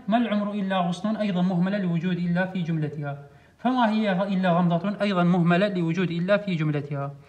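A man with an Iraqi Arabic accent, working through grammar exercises as a teacher and repeating each rule as he explains it. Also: high-pitched. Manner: steady explanatory, repeats rules.

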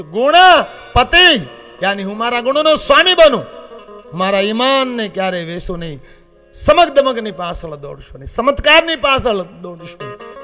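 A man in his fifties from Gujarat with a Saurashtra accent, preaching a devotional sermon, swinging between loud warnings and low confiding asides. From Gujarat, India. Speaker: Shiva katha preacher. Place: open-air katha gathering with live accompaniment.

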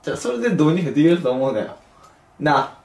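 A man's voice: fairly high pitch, very animated, very fast, gravelly, a little mellow, distant mic. A young man with a Kansai accent, hosting casually and scolding his friends in a confrontational, needling way. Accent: Kansai Japanese. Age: young adult. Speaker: prank video host. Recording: echoey room, faint noise.

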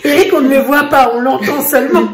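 A woman vlogger chatting to her camera about family life. Her voice sits a little high and she tells it in an animated way, with lots of fillers. The room around her is echoey. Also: brisk. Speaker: vlogger mother. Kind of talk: casual chat. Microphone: face camera.

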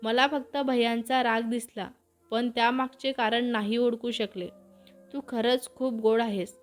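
Little sister, pampered young girl, sulky, pleading as a woman reads her, high voice. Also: steady tone, unhurried, soft background music, close to an everyday voice. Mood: apologetic.

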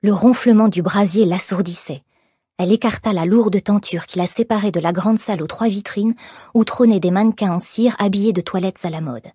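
A woman narrating an audiobook in measured, expressive storytelling. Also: medium pitch, husky, no room sound, clean studio sound. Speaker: audiobook reader. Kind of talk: scripted narration.

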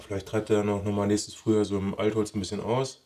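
This man's voice sits on the low side, warm and level, and he talks quickly. A bonsai vlogger with a Ruhr German accent, he gives casual commentary as he works, thinking aloud and muttering while trimming.

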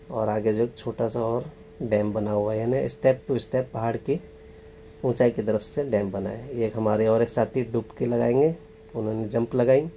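A man with a mid-range voice walks viewers through an outdoor spot, narrating casually and pointing things out as a tour guide would. He is recorded outdoors beside a waterfall, with a faint wash of rushing water behind him. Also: medium pitch, dark tone, muffled recording, a little hiss or hum. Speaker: travel vlogger. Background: rushing water and outdoor ambience.

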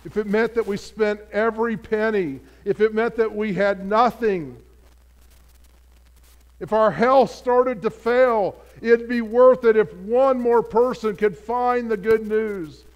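A man's voice: high-pitched, takes it slowly, dull audio. A pastor preaching a sermon in an earnest, conversational way, putting direct questions to his congregation.

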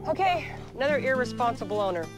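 A woman's voice: a little high, very animated, fast. A middle-aged woman who runs an animal rescue shelter, talking in a direct, plain-spoken way with casual fillers, speaking outdoors on a lapel mic for a reality TV show. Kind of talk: reality TV interview and on-location talk. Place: outdoors in open fields and lots. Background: background music.

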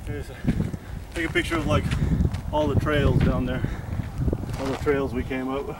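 Out on a hiking trail, a young man vlogs into a handheld camera mic, chatty and jokey and quick to poke fun at himself while a bit winded. His mid-range voice holds a steady tone at a moderate pace. Clear background noise comes through the outdoor camera audio.

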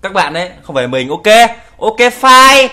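A man's voice: fairly high pitch, animated, brisk, a bit bright. A young man casually commenting on video clips, teasing and joking, laughing often and swearing in English. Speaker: YouTuber reacting to videos.

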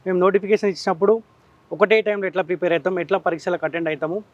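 A man working as a journalist interviewer, who sets up long framing questions and murmurs steady backchannel sounds while his guest talks. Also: high-pitched, very fast, no echo, muffled recording.

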